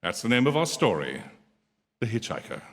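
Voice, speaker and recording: Droll 1940s radio host, echoing hall. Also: male voice, mid-range voice, wildly swooping pitch, heavy background noise. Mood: wry, suave. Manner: droll, theatrical, measured oratory. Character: urbane, wry celebrity male radio host introducing thrillers. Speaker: program host. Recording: echoey theatre hall with music underneath.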